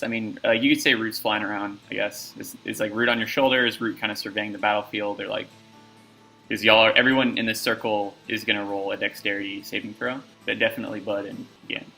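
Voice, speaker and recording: A man's voice: fairly low pitch, fairly even intonation, a little fast, creaky, pushed and bright, soft background music, poor audio. A man narrating a tabletop game as game master, talking loosely with lots of fillers and restarts.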